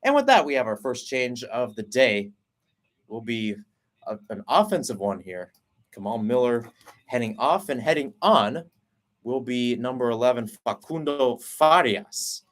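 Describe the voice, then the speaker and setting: Calling live soccer move by move, this male commentator keeps a rapid, even pace through the passing play, then lifts in pitch and intensity as scoring chances develop. His voice sits at an ordinary middle pitch for a man.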